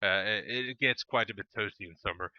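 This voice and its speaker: A man's voice: on the low side, a little fast, dry recording. A man talks casually through a gaming headset mic, his voice squeezed and a little warbly from AI noise cancellation. The sound is dull and lo-fi, with a few fillers as he explains. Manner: relaxed, explanatory, many fillers. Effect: AI noise cancellation artifacts on a headset mic. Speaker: tech reviewer. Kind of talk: casual product review. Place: home room with air conditioner running. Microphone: gaming headset microphone.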